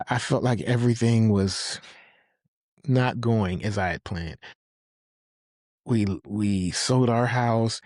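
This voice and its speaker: A man's voice: on the low side, darkish tone, no room sound, clean studio sound. A middle-aged man, telling a long personal story in a casual, rambling way, often correcting himself. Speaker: host.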